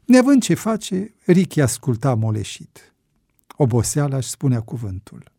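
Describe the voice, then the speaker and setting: A man reading a story aloud with expressive narration. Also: mid-range voice, vocal fry, husky, no room sound, clean studio sound. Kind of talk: audiobook narration.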